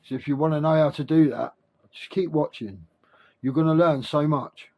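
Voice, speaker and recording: A man speaking without his teeth, with soft gummy consonants, giving a halting, repetitive, informal spiritual monologue to camera. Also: on the high side. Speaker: self-help video creator.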